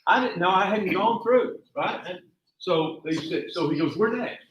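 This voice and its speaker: A man's voice: sits high, moderate pace, fairly bright tone, slight background noise. A man teaching a taekwondo class, giving a repetitive, emphatic motivational talk full of rambling stories. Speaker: taekwondo instructor. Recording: echoey, dull lo-fi room sound.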